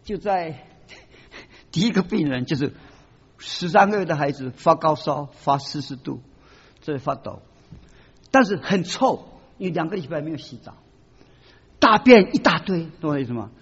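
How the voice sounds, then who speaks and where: A man preaching, his high, husky voice leaping around as he acts out each person he quotes. The recording is dull and lo-fi, with a long reverb trailing off the hall walls. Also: expressive, moderate pace, pauses often, fairly bright tone. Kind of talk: sermon.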